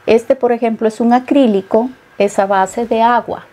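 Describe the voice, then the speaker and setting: Hesitant, mellow-voiced woman painter from Peru. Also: a little high, fairly even intonation, moderate pace. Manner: thoughtful, many hesitations. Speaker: painter guest. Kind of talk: interview conversation. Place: studio set with bookshelves.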